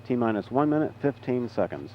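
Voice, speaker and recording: A man with an American accent giving measured, official countdown commentary as a mission control launch announcer. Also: mid-range voice, sing-song. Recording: dull, noisy public address feed.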